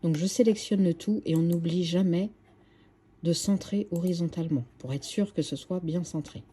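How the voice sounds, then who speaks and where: A woman's voice: lowish voice, moderate pace, warm tone, slightly rough. A woman hosting a screen-recorded craft tutorial, chatty and hesitant, with many fillers and restarts.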